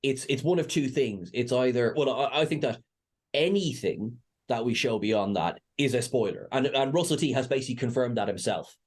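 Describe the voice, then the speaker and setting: A man's voice: medium pitch, normal speed. Rambling, jokey male host. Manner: rambling, stammering restarts, jokey. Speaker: podcast host. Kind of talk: casual chat.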